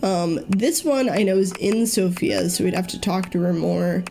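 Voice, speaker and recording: A woman's voice: lowish voice, moderate pace, creaky, mellow, soft background music. A young woman giving casual let's-play commentary, chatty and thinking aloud with frequent ums. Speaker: gaming YouTuber.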